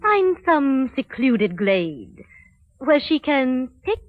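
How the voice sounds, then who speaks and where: An actress playing a cold, haughty, jealous queen who gives imperious, measured commands on a dull old film soundtrack. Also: high voice, big pitch swings, no room sound, full character voice. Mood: menacing.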